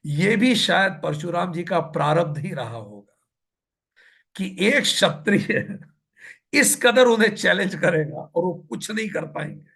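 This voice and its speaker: A man leads a scripture discourse in a high, gravelly voice. He recites verses in a slow, measured chant, then breaks into lively, conversational explanation. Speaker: spiritual teacher explaining scripture.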